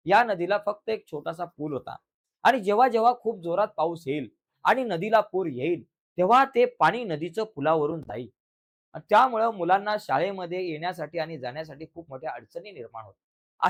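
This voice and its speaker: A man teaching an exam revision lesson in a Marathi accent, telling a story dramatically with sound effects and cries, then giving calm writing instructions. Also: high-pitched, fairly quick.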